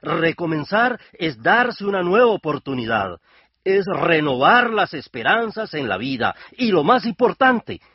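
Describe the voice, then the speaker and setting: A man reading a reflective inspirational text in a measured, earnest way. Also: a little high, very animated, husky, no room sound. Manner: earnest, measured, rising toward the end. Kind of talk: reflective scripted narration. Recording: dull lo-fi radio recording.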